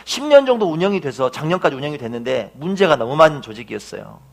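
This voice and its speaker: A man's voice: on the high side, very animated, quick pace, gravelly. A middle-aged male pastor preaching a sermon, telling a story and asking his congregation rhetorical questions.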